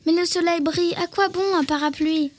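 A woman's voice: very high-pitched, fairly even intonation, brisk. A woman reading the part of a fussy, indecisive old man in a plain reading voice. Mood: fussing.

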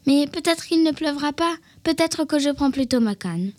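A woman's voice: sits high, expressive, normal speed, darkish tone, dry recording. A woman reading the part of a fussy, indecisive old man in a plain reading voice. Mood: fussing.

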